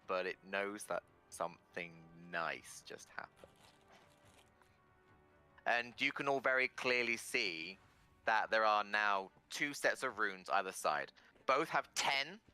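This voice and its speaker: A man working as game master, narrating a tabletop fantasy game with dramatic pauses. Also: on the low side, bright, forceful tone, clear, resonant tone.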